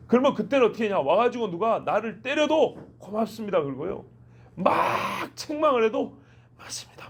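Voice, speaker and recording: A male pastor delivers a dawn prayer sermon in a fairly high, husky voice. He keeps breaking into brief acted-out dialogues, changing his tone for each imagined speaker. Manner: acts out little quoted exchanges in shifting voices.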